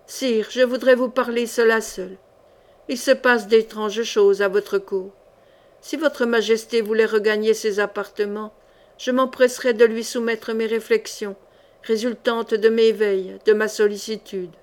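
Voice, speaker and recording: A woman voicing a scheming older duke who pleads smoothly with his king. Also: fairly high pitch, steady tone, unhurried, a little mellow, close to an everyday voice. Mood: pleading.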